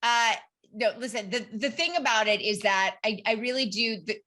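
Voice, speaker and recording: A woman hosting a podcast over a video call, chatty and quick to laugh, often restarting her sentences. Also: fairly high pitch, bright, forceful tone. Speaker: podcast host. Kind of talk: casual chat.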